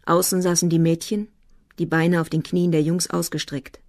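Low calm female audiobook narrator. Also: normal speed, no room sound, clean studio sound.

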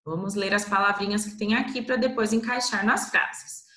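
A teacher with a Brazilian Portuguese accent gives first graders a slow, patient literacy lesson, stretching out syllables as she goes. Her medium-pitched voice holds a steady tone that is pushed and bright, and the recording is reverberant.

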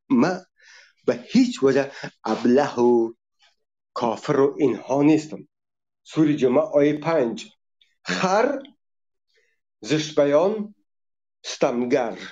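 A man's voice: a little high, darkish tone, muffled recording. A man giving an impassioned monologue as a religion critic. He speaks emphatically, addresses listeners directly and cites verses one by one.

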